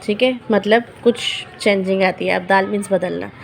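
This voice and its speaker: A woman teaching Quran recitation rules in a patient lesson. She repeats each example word slowly and checks in her learners often. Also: mid-range voice, fairly even intonation, creaky, a little hiss or hum.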